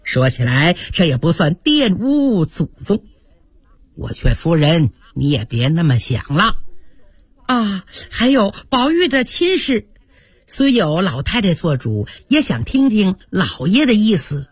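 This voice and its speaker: Brief: woman as stern older nobleman in a spoken story, low, slow, deliberate. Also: very animated, husky, no room sound, studio quality, exaggerated voice. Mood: grave. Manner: slow, weighty, hesitant pauses.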